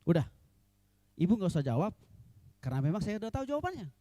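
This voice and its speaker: A man preaching a sermon in church as pastor, animated and mixing in joking asides. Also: sits high, fast, no room sound.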